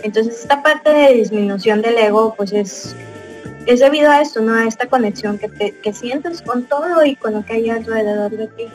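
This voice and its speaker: Soft music plays in the background of this poor-quality recording of a casual podcast chat. The young host speaks with a Mexican Spanish accent, at a normal speed and in a voice on the high side, rambling with lots of fillers and little chuckles.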